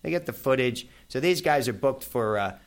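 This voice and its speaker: Radio host, man in his 50s, New York accent, lively gravelly delivery, brash talk-show banter. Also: mid-range voice, normal speed. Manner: brash and animated, addressing listeners as folks. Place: radio studio.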